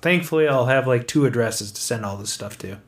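A man's voice: medium pitch, lively intonation, a little fast. A man hosting a music quiz show in natural, unscripted, casual and easygoing talk.

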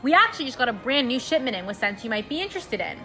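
A woman playing an upbeat store clerk giving a sales pitch in a comedy sketch. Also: big pitch swings, racing, sharp tone, soft background music, exaggerated voice. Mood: chirpy. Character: chirpy woman store clerk selling candles.

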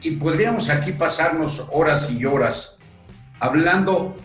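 Older Mexican man, unhurried earnest guest; roomy echo, faint music behind. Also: on the high side, fairly bright tone. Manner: slow, earnest, with pauses and fillers. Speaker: guest, retired referee. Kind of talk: reflective storytelling in conversation.

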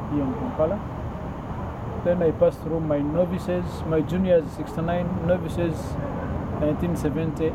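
A Ugandan man in his sixties recalling his boxing career, speaking slowly with many pauses and fillers in Ugandan English. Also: a little high. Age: 60s. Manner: slow and halting, many fillers. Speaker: interviewee, former boxer. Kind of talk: recalled life story. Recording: noisy outdoor recording near traffic.

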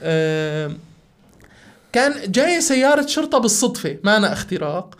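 A man with a Syrian Arabic accent telling a personal story in conversation, halting and repeating the starts of his words. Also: high voice, big pitch swings. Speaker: podcast guest.

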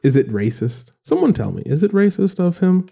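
A man's voice: high voice, sing-song, moderate pace, creaky, dark tone, slightly rough. Rambling, joking man in his thirties. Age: 30s. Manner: rambling, joking, lots of fillers. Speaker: podcast host. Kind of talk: casual solo podcast monologue.

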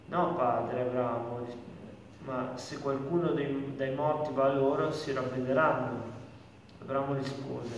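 A man reading scripture aloud in a slow, measured way. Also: mid-range voice, slight background noise. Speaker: scripture reader. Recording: distant mic in an echoey hall.

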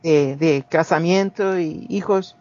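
Slow and a little mellow, this guest's voice is on the high side. He is a man in his forties from Guatemala with a Guatemalan Spanish accent, sharing personal stories in a rambling, casual style packed with restarts and acted-out lines. The audio is dull and lo-fi.

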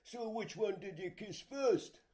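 A man's voice: high voice, animated, measured pace, warm tone. A man playing a cheeky man who teases his friend and tells a joking story about his first kiss.

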